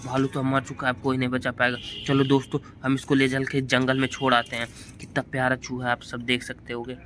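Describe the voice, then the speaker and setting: A man narrating a toy play for children, excited and talking directly to the kids watching. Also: mid-range voice, fairly quick, faint music behind. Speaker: children's channel host.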